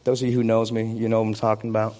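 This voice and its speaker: A native Vietnamese speaker in his forties, living in the United States, gives a sermon in a chatty style, telling personal anecdotes and answering questions he raises himself. He races along in a fairly low, monotone voice with a warm tone. Long hall reverb colors the audio.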